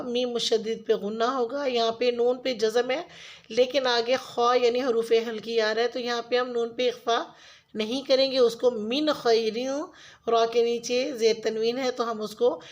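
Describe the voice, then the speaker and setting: A woman with a Pakistani Urdu accent teaches Quran recitation in a patient, step-by-step way. Her voice sits a little high, and she slows down to sound out each Arabic word carefully before explaining the rule. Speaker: tajweed teacher.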